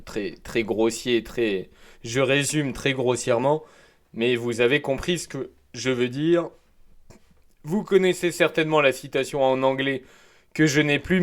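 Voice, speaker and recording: A man hosting a prepared solo talk show, delivering an opinionated, provocative monologue with wordplay asides and frequent hesitations. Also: medium pitch. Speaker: show host.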